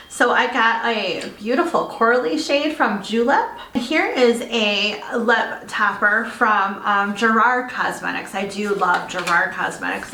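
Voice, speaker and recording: A woman beauty vlogger chatting casually through an unboxing, gushing and excitable. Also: mid-range voice, vocal fry, echoey room, a little hiss or hum, rough recording.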